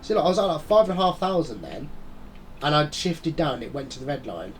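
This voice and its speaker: This racing-game commentary comes from a male gaming channel host whose voice sits on the high side and swings widely in pitch. He speaks a little fast, rambling and chatty with muttered asides, and is mouth-breathing through a cold-blocked nose. Light hiss or hum is audible.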